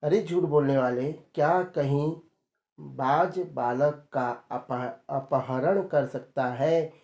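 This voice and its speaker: Male teacher, slightly high voice, slow deliberate line-by-line lesson, roomy echo. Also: a little mellow, highs cut off. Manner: slow, reads a line then explains it word by word. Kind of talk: line-by-line Sanskrit lesson explained in Hindi.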